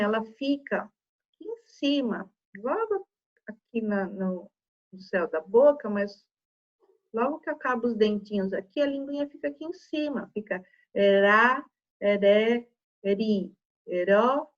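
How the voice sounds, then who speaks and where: A woman's voice: a little high, a little mellow, dull audio. A woman teaching young children a remote lesson, sounding out words syllable by syllable and checking in with "tá?" after each point. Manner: slow, syllable-by-syllable dictation with frequent "tá?" checks. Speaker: primary school teacher.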